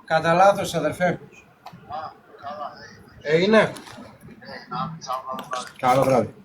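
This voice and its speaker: A man's voice: on the high side, slight background noise, low-quality recording. A young man arguing with his partner on a live stream, exasperated and pleading for it to stop. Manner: exasperated, pleading, keeps telling her to stop. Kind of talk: heated argument on a live stream.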